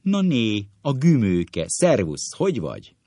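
A man's voice: low-pitched, huge pitch swings, a little mellow, husky, dry recording, voice pushed up, exaggerated voice. Man doing a chatty middle-aged doc, raised voice, joshing around, dry sound. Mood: bantering. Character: middle-aged male doctor, bantering old schoolmate. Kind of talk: comic story reading.

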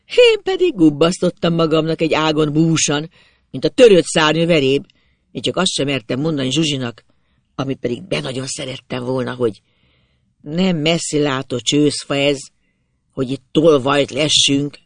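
A reader narrating a first-person storybook tale in an expressive storytelling manner. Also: medium pitch, creaky, no echo.

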